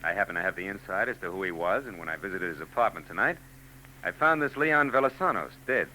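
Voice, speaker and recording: The narrator and lead of this 1940s radio drama is a hard-boiled detective, voiced by an actor whose low, expressive delivery is quick, pushed and bright, a full character voice. He's sardonic and dry, firing off wisecracks. Old radio tape gives a rough recording with faint noise.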